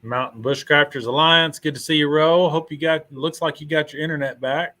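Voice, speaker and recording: A man's voice: fairly high pitch, steady tone, fairly quick, pushed and bright. Man greeting livestream viewers. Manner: reads out viewer names, brief friendly greetings. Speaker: livestream co-host. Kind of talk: casual livestream chat.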